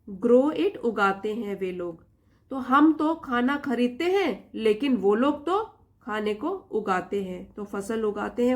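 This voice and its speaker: A woman with an Indian accent who teaches English. She reads English sentences slowly, word by word, then explains them in Hindi. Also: a little high. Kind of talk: Hindi-medium English reading lesson.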